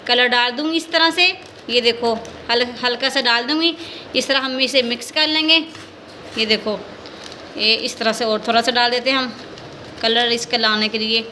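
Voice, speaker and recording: A woman's voice: a little high, steady tone, moderate pace, sharp tone, slight background noise. A woman, chatting casually as she demonstrates a recipe in her home kitchen, walking through each step and pointing things out as she goes. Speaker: home cooking vlogger.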